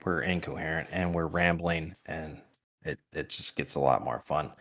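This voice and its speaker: A man's voice: extremely low pitch, fairly even intonation, normal speed, fairly bright tone. A man co-hosting a podcast in a laid-back, easygoing way, with lots of yeahs and mm-hmms. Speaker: podcast co-host. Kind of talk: casual chat.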